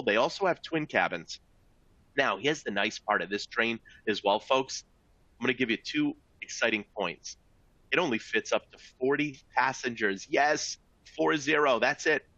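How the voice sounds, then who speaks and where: A man's voice: mid-range voice, sharp tone, dry recording, dull audio. A man presenting rail vacations in an upbeat, salesy talk, addressing listeners as folks. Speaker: travel company presenter. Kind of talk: sales presentation to travel advisors.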